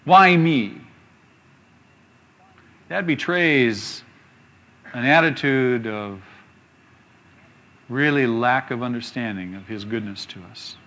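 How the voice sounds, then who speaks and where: A man preaching a sermon, reading scripture slowly and asking rhetorical questions with emphasis. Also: mid-range voice, bright, forceful tone.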